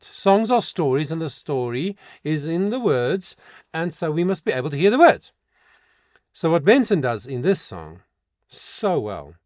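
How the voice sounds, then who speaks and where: A man's voice: a little high, dry recording, studio quality. A middle-aged man working as a vocal coach, analysing a song and breaking into short sung demonstrations.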